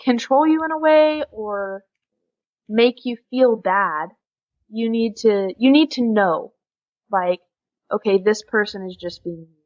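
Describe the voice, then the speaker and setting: A young American woman, an exchange student appearing as a podcast guest, talks casually in an interview and offers earnest, encouraging advice. Her voice is medium in pitch and slow. The podcast recording is dull and lo-fi.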